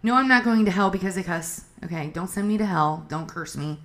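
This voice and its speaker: A woman's voice: fairly low pitch, fairly quick, a bit bright. A woman hosting a casual advice podcast, talking frankly and chattily with swearing and asides. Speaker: podcast host. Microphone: livestream on phone.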